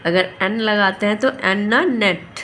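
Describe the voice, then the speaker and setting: A woman's voice: mid-range voice, a little slow, pushed and bright, slight background noise. A woman teaching a phonics lesson, sounding out letters and words one by one.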